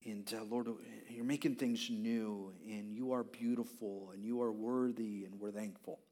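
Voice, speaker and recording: A man in his fifties preaching a conversational sermon as a pastor, telling stories with animated swings and frequent halting restarts. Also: fairly low pitch. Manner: animated storytelling, voice leaps up when reenacting his own pleas; halting restarts and repeated words.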